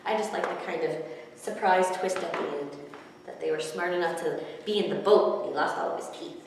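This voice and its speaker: With a lowish voice and a slightly fast delivery, a children's library storyteller in her thirties reads picture books aloud and presents them to kids. A distant mic captures her in an echoey hall, along with background noise.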